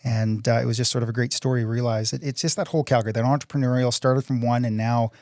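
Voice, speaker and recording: Fast-talking earnest man in his forties. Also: medium pitch, flat delivery, darkish tone, no room sound, clean studio sound. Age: 40s. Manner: earnest, upbeat, repeats words while talking. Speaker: guest, city council candidate. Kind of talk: conversational interview answers.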